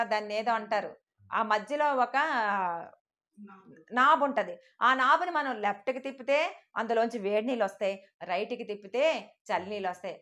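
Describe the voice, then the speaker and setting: A woman delivers a sermon at a rapid clip, her voice sitting a little high. She preaches fervently and slips into the voices of God and of pleading believers as she goes. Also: a bit bright.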